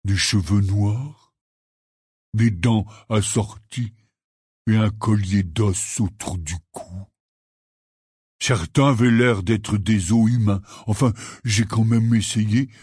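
A gruff, kindly half-giant gamekeeper, read by a man spins a rambling, earnest tale in an audiobook. The voice sits low and husky, with a dark, mellow color. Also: steady tone, slow pace, no room sound, studio quality. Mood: rueful. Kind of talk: audiobook character reading.

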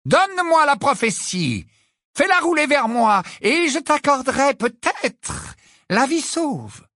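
A reader voicing a cruel, gloating witch who taunts and shouts in an audiobook. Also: high-pitched, big pitch swings, slow pace, no room sound, clean studio sound, pitched above the performer's own voice, heavily acted. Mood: menacing taunts. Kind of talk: audiobook character voice.

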